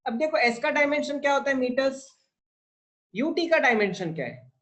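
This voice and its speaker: A man's voice: very high voice, expressive, normal speed, a bit bright, low-quality recording. A man with an Indian English accent teaching a physics lesson, asking his class questions and answering them himself while mixing Hindi and English. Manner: mixes Hindi with English sentences. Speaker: physics tutor.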